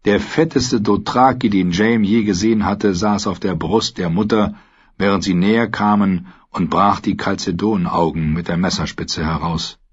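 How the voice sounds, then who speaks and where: A man narrating a fantasy audiobook in a measured, dramatic reading. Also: sits low, fairly even intonation, breathy edge, muffled recording.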